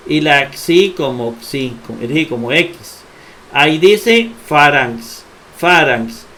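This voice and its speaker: Male teacher, middle-aged, slightly high and bright voice, slow patient lesson delivery with lots of repetition. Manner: slow, patient, repeats each point and addresses the viewer directly. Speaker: Greek grammar teacher. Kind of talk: recorded online lesson.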